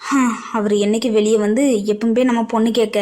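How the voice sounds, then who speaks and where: A scheming middle-aged woman in a cartoon, cunning and bent on revenge, voiced by a woman. She speaks in a slightly high voice with a scolding edge. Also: level tone, fairly quick, darkish tone, natural voice.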